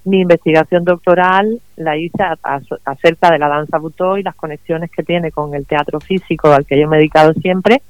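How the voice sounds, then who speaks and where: A middle-aged woman from Cuba, a guest writer speaking warmly and laughing often in a remote radio interview. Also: deep voice, fairly even intonation, brisk, hardly any pauses, no echo, dull audio. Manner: warm, enthusiastic, laughs often.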